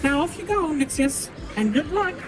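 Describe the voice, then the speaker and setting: A man reading a game's quest-giver lines through a slightly robotic voice changer, in a measured, polite manner. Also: very high voice, sing-song, crowd noise, pitched above the performer's own voice, poor audio. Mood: courteous. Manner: measured, polite formal delivery. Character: gracious female quest-giver, a guild proprietress. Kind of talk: reading game dialogue aloud.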